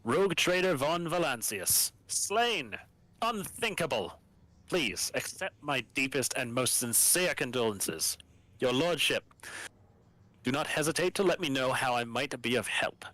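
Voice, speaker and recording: A man's voice: medium pitch, expressive, unhurried, bright, forceful tone, dry recording, low-quality recording. A man voicing a stern military governor in a game, with a curt, formal, commanding manner. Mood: grave, formal.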